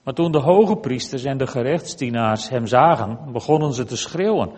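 Man reading scripture in church, slow and careful, long echo. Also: medium pitch, a little mellow. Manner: measured, deliberate reading. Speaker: scripture reader.

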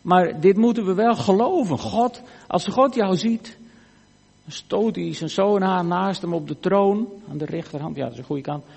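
A man preaching a sermon in a church, earnest, moving between emphatic lines and hushed, quiet ones. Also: high voice, normal speed, vocal fry, husky. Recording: church hall reverb.

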